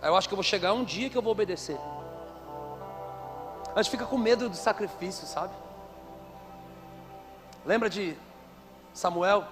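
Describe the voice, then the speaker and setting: High-voiced man preaching. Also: moderate pace, pauses often, music in the background. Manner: lively storytelling with playful asides. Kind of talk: conference sermon.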